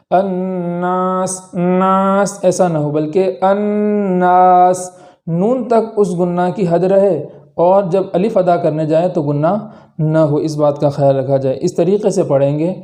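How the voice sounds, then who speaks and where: Man teaching tajweed, bright slow recitation. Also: sits high. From India. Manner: slow drawn-out recitation of examples, explaining each letter. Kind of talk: tajweed lesson with recited examples.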